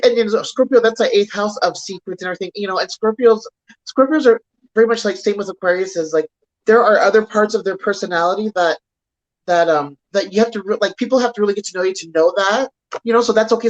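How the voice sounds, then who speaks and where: A woman's voice: mid-range voice, muffled recording. A woman hosting a casual chat about astrology. She rambles with lots of fillers and speaks bluntly, with some swearing. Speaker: astrology stream host.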